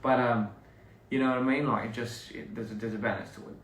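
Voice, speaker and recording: On his live stream, a young man from Australia talks casually and wanders from topic to topic, breaking into laughter between lines. He's an English-speaking livestreaming artist with a mid-range voice and a quick pace. A faraway phone mic picks him up in an echoey room.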